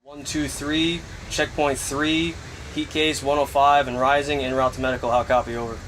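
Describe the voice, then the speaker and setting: A man's voice: medium pitch, flat delivery, moderate pace, a bit bright, slight background noise, poor audio. A man speaking over a walkie-talkie radio in clipped radio protocol, as a medic calling in a patient transport. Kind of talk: scripted training scene.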